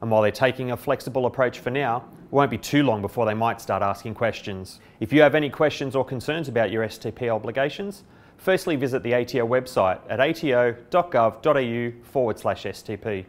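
Speaking at a fairly quick clip in a medium-pitched voice, a middle-aged man with an Australian accent delivers a company explainer to camera from a script. A lapel mic captures him in an indoor office beside a window.

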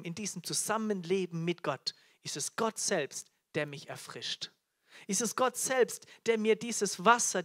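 A man's voice: sits high, fairly bright tone. A man preaching a live sermon to a congregation, fervent, often calling out hallelujah and repeating key phrases. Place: church teaching event before a congregation.

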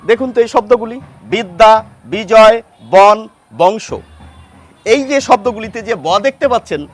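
A man's voice: sits high, moderate pace. A man with a Bengali accent teaching a grammar lesson, sounding out example words and asking questions before he answers them.

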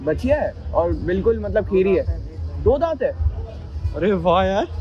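A young man with a Karachi Urdu accent talks in a slightly raised voice, gushing over the animals as he walks around an outdoor show. He is filmed on an action camera. Loud background music plays under his casual commentary. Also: high voice, measured pace, lo-fi sound. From Pakistan. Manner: excited, exclaiming over animals. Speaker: vlogger. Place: outdoor cattle show and expo.

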